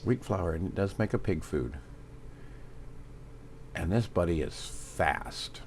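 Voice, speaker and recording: A man with a Southern US accent giving casual gameplay commentary, thinking aloud with fillers and pauses. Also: deep voice, animated, a little hiss or hum. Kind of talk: casual let's-play commentary.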